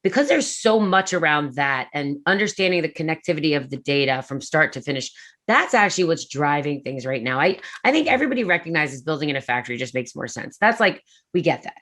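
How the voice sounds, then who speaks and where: A low-voiced businesswoman who is an executive in the prefab industry speaks in a conference talk conversation. She's fast and animated, with lots of fillers.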